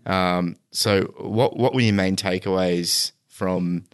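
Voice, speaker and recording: Deep-voiced, easygoing male podcast host. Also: fairly even intonation, slow, smooth. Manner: easygoing, brief affirming backchannels. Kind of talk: conversational interviewing.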